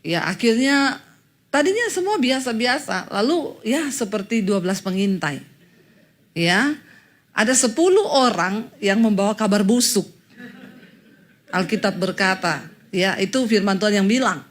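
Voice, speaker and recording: A woman pastor preaching a sermon and telling a personal story in an animated way, acting out what others said. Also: medium pitch, unhurried, pauses often.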